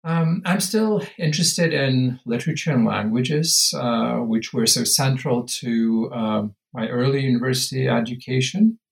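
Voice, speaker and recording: A Lithuanian-born man in his fifties speaks as an anthropology professor in an academic interview, thoughtful and full of hesitations and fillers. His medium-pitched voice has vocal fry, a measured pace and few pauses, and the audio is poor.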